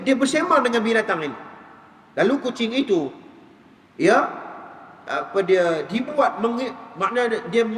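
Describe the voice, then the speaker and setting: A man preaching a religious lecture with a northern Malaysian Malay accent, telling a story in a lively way, often calling out to the audience and asking rhetorical questions. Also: very high voice, echoey room, long reverb tail, far from the mic, rough recording.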